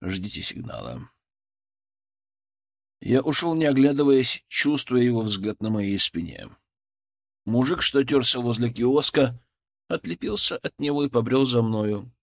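A man reading scripted first-person narration in a steady, matter-of-fact way. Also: mid-range voice, moderate pace. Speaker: audiobook narrator.

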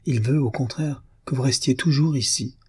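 A man reading the part of a calm, tactful young woman musician in an audiobook, speaking with soft, patient coaxing. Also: mid-range voice, normal speed, husky, voice pushed up.

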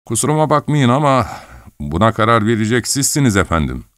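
A man's voice: medium pitch, big pitch swings, brisk, a bit bright, no echo, studio quality, voice pushed up. A man voicing a polite, deferential male office clerk in an audiobook.

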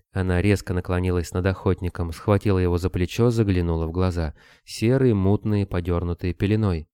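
A male narrator reads in a very deep, dark, smooth voice at a steady, measured pace. The recording is close and dry, with no room sound. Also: dry recording. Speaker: audiobook narrator. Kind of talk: scripted narration.

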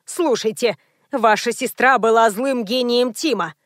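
A woman voicing a furious, imperious older mother-in-law who scolds loudly in an audiobook. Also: fairly high pitch, a little slow, no room sound, clean studio sound, lightly acted. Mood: indignant. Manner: loud, indignant, scolding.

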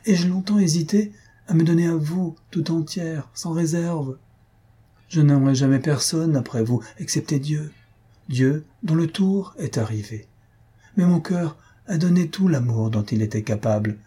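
Melancholy noblewoman from a storybook read by a man, husky and soft-toned, pleading and tired. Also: fairly high pitch, normal speed, pitched above the performer's own voice. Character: weary melancholy noblewoman longing for convent.

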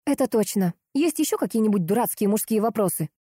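A woman reading aloud plays an irritable young woman who bristles and answers with sarcasm. Her voice sits higher than the narration and carries a mellow warmth, recorded dry for an audiobook. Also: very animated, normal speed, no echo. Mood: irritated. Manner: grumbling, sarcastic.

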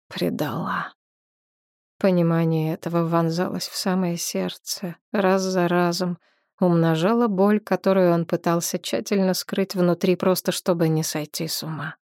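A woman reading a novel aloud as narrator, measured and expressive. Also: lowish voice, dry recording, studio quality. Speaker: audiobook narrator. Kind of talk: scripted narration.

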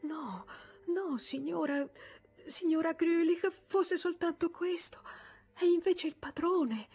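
A woman voicing a panicked young housemaid who stammers breathlessly and pleads in a high voice close to tears. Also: slow pace, darkish tone, full character voice. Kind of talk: audiobook character voice.

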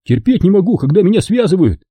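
A man's voice: sits high, big pitch swings, fast talker, dark tone, breathy edge, dry recording, voice pushed up, exaggerated voice. A man doing a cheeky, indignant mover. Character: cheeky local male mover, argumentative.

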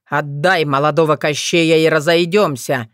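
A woman's voice: low voice, steady tone, smooth, no echo, studio quality, natural voice. A woman doing a sneering evil sorcerer. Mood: mocking. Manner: sneering, taunting, unhurried. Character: arrogant male sorcerer, mocking and cruel.

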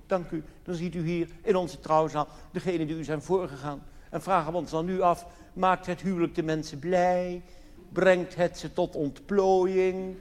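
A cabaret comedian from the Netherlands performs live stand-up on a theatre stage in a large hall, telling anecdotes in a theatrical, mock-solemn way packed with rhetorical questions. His voice sits high with a darkish tone. The live recording is reverberant and noisy.

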